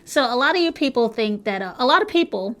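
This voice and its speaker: A woman's voice: on the high side, animated, quick pace. A woman co-hosting a personal finance talk show, upbeat and punchy, often turning to her co-host with leading questions.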